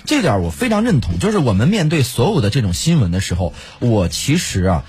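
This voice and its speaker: A man's voice: mid-range voice, fast talker, slightly rough, soft background music. A man from Pingdingshan telling stories in casual chat, acting out phone calls and laughing often. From Pingdingshan, Henan. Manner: animated storyteller, acts out phone calls with laughs. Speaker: co-host.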